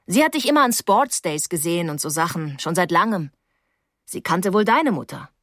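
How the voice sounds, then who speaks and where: A woman's voice: lowish voice, lively intonation, moderate pace, fairly bright tone, dry recording, clean studio sound. A woman reading the lines of a tall, cocky teenage boy in a teasing, offhand tone.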